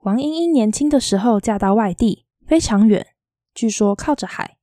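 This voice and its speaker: A woman reads a novel aloud in a soft, quietly lilting storytelling voice. Her tone is mellow and warm, and the sound is dry and close. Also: fairly high pitch, animated, moderate pace, no room sound. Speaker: audiobook reader.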